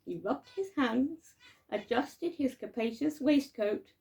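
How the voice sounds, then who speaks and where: A woman reading a classic story aloud live, expressive, with occasional fumbled words. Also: sits high, slow pace, creaky. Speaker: reader.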